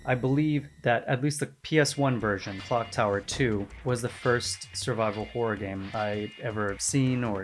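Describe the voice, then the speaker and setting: A man hosting a gaming video, narrating a casual video essay and explaining things step by step with conversational asides. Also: mid-range voice.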